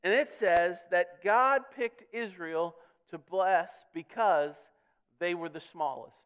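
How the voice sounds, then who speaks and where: A man's voice: high-pitched, slow pace, a bit bright, smooth. A pastor preaching a sermon in church, earnest, often repeating words as he builds to his points. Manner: earnest preaching with frequent word repeats, swelling on key words. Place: church sanctuary.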